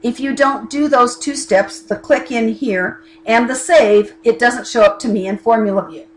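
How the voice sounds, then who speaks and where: A college instructor, middle-aged, records a class lesson by video at her home desk, which holds a keyboard and lamp, with the camera mounted overhead. Her voice is a little high at normal speed, and she's chatty, plain-spoken, and given to asides. It's a low-quality recording with a little hiss or hum.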